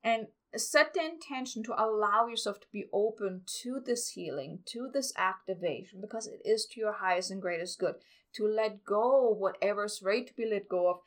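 A woman guiding a meditation in a calm, soothing, meditative manner, as a spiritual podcast host. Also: mid-range voice, normal speed. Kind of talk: guided meditation.

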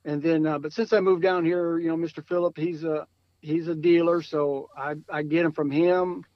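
A man's voice: on the high side, fairly even intonation, normal speed, dry recording, muffled recording. A man from Michigan talking casually about hunting gear, rambling and repeating words, laughing often. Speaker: podcast guest, coon hunter. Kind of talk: casual chat.

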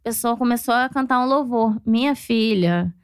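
A Brazilian woman co-hosting a podcast in casual chat, talking in rambling asides and quick to laugh. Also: a little high, clear, resonant tone, no echo, clean studio sound. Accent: Brazilian Portuguese. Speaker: podcast co-host.

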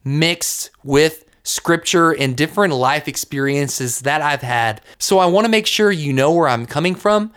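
A young man with a slightly high voice hosts a faith podcast. He talks in an earnest, casual way, full of fillers, and his pitch often jumps up for emphasis. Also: unhurried, hardly any pauses, fairly bright tone, clean tone. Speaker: podcast host. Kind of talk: faith encouragement podcast talk.

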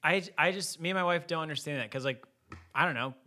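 A man's voice: on the high side, fast, pushed and bright. A young adult American man, married, chatting casually on a podcast, agreeable and chiming in. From United States.

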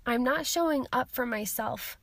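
Chatty young woman with a cold doing a solo podcast, high voice, dry close mic. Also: normal speed, vocal fry, a bit bright, no echo. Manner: upbeat, chatty, encouraging. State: has a summer cold. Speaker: podcast host. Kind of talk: solo self-help podcast talk.

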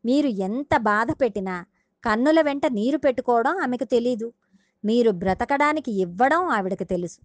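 An earnest woman gives a devotional discourse, retelling a sacred tale and pausing to explain its meaning to her listeners. Her voice sits fairly high. The recording is dry and close, with no room echo. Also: lively intonation. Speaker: religious discourse speaker.

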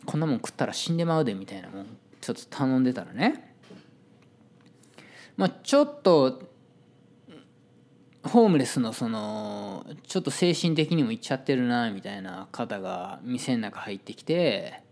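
A man's voice: mid-range voice, very animated, moderate pace, creaky, a little mellow. A man with a Kansai Japanese accent telling a story in a casual, chatty monologue and acting out the voices of people he quotes.

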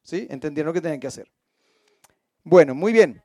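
Fairly high in pitch and warm in tone, this man speaks a little fast with lively intonation, and the recording has no room sound. Leading a Bible study, he reads the text aloud, breaks off to explain it, and keeps asking the audience questions, tossing in playful asides.

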